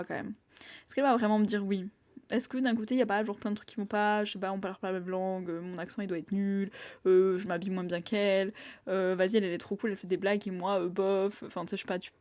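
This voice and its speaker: A woman's voice: mid-range voice, a little mellow. A young woman talking through her thoughts in a casual monologue, full of fillers and little acted-out quotes. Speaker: vlogger sharing reflections.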